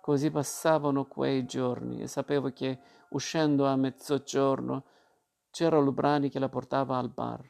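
A man narrating a literary novel in the first person, in a calm and measured way. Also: medium pitch, creaky. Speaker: audiobook narrator. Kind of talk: literary audiobook reading.

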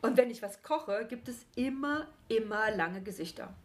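A woman's voice: a little high, expressive, moderate pace, close to an everyday voice. A woman voicing a grumpy old male gnome who guards a forest and frets over his children, grumbling and cursing under his breath. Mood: exasperated.

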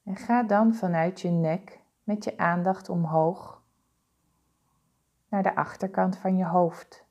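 A woman guiding a body-scan meditation with slow, soothing, calm instructions. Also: on the low side. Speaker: meditation guide.

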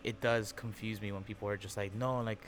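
A man's voice: fairly low pitch, level tone, fairly quick, faint music behind. A man in his twenties hosting a casual podcast chat, rambling and repeating himself as he feels out his point. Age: 20s. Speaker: podcast host.

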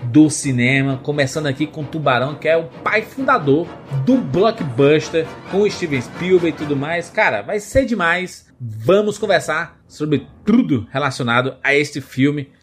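A man's voice: a little high, expressive, normal speed, hardly any pauses, faint music behind. A Brazilian man hosting a casual podcast in an enthusiastic, slangy way. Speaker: podcast host. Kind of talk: lively casual podcast presenting.

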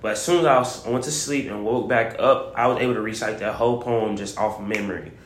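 A man's voice: lowish voice, quick pace. Easygoing young man, echoey room. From Waco, Texas. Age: young adult. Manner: relaxed and easygoing, loose rambling phrasing. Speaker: podcast co-host, student community leader. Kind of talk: casual podcast chat.

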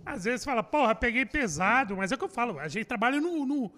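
A man's voice: very high-pitched, sing-song, fast talker, fairly bright tone, big-room sound. A middle-aged man, a comedy writer and guest, chatting casually and swearing freely as he acts out the reactions he quotes. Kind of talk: casual podcast chat.

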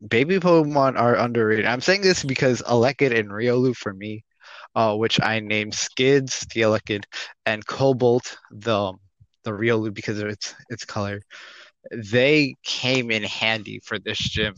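A man co-hosting a casual podcast about a video game, chatting in an excitable fan way. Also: fairly low pitch, measured pace, no room sound, highs cut off. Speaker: podcast co-host.

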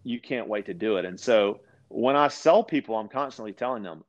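A man from Louisiana, a podcast guest, telling casual stories with lots of restarts and animated asides. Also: lowish voice, a little fast, muffled recording. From Louisiana, USA. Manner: rambling, animated anecdotes with frequent restarts. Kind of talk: casual storytelling conversation.

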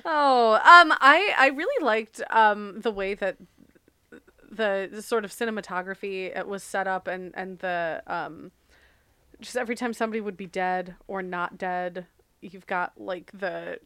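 A woman's voice: mid-range voice, unhurried, sharp tone, smooth, dry recording. A woman co-hosting a movie podcast, chatting informally with hesitant phrasing. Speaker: podcast co-host. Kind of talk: casual movie podcast chat.

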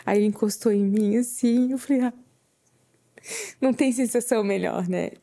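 Appearing as a podcast guest, a woman shares an emotional testimony of faith, acting out her own quoted words. She sounds earnest and sometimes tearful, with a slightly high, warm voice at a normal speed.

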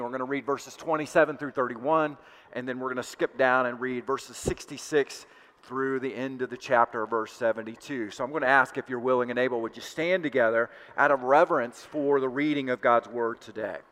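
A male pastor preaching a sermon in a relaxed, conversational way, with frequent fillers and restarts. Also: medium pitch. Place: church sanctuary. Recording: long reverb of a church hall.

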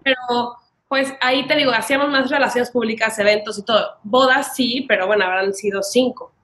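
This wedding planner, guesting on a podcast, speaks in a slightly high, fairly bright voice with a steady tone and a fairly quick pace. In her early thirties and Mexican-accented, she recounts her story in a lively, casual way, frequently performing snippets of dialogue.

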